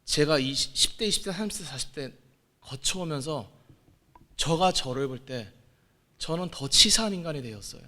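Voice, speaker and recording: A man in his forties preaching a sermon as pastor, moving between quiet asides and loud exclamations. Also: a little high, lively intonation, moderate pace. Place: church sanctuary.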